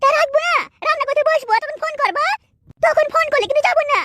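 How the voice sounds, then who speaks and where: Give me a touchy cartoon wife as a woman voices her, high and quick. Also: bright, forceful tone, dry recording. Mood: indignant. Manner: indignant, quarrelsome. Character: touchy, indignant young wife. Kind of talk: comic cartoon dubbing.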